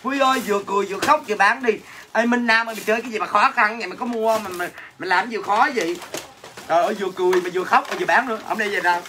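A man's voice: sits high, very fast, bright, forceful tone. Brash Southern Vietnamese man hawking snacks. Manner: brash, teasing, answers viewer comments mockingly. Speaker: livestream seller. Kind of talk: comic livestream sales banter. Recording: noisy with clattering dishes.

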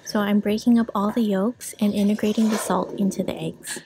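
A woman giving calm, matter-of-fact voice-over instructions for a home cooking video, explaining each step plainly. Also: mid-range voice, a little hiss or hum. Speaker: frugal cooking vlogger.

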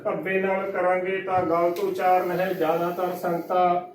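A man with a Punjabi accent teaches pronunciation, patiently and correctively spelling each word out letter by letter in a slow, methodical lesson. His voice is high-pitched and monotone at a moderate pace. The low-quality recording is reverberant and distant, with a little hiss or hum.

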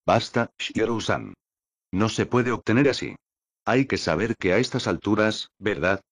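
A man's voice: on the low side, a little slow. A man voicing a tall, blunt young adventurer in an audiobook, speaking in a plain, matter-of-fact way.

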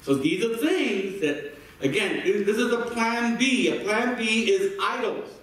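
In an echoey church sanctuary, captured from a distance, a male pastor delivers a sermon with a high, fairly bright voice and lively intonation, speaking a little slowly. He builds each point through repetition and invites the congregation to respond.

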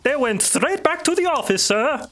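Man putting on a formal servant, courteous, high clipped voice, tabletop game. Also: animated, normal speed, a bit bright, full character voice. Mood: deferential. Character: polite male servant, formal and deferential.

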